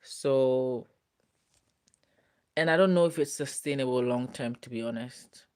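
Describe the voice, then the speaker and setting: Her voice is very deep with a darkish tone and a slightly slow delivery. The Ghanaian livestream host, in her twenties, reads viewer comments aloud during a casual stream, teasing playfully and laughing often.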